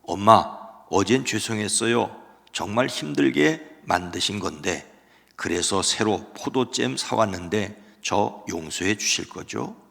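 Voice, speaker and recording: A man's voice: lowish voice, animated, a little slow, vocal fry, fairly bright tone, in a large hall, exaggerated voice. A man reading the earnest apology of a son to his mother in a story. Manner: earnest, pleading.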